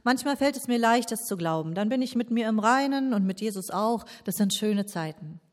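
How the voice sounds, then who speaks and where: A woman's voice: a little high, expressive, moderate pace. A woman preaching a sermon to young people, talking personally and addressing listeners directly.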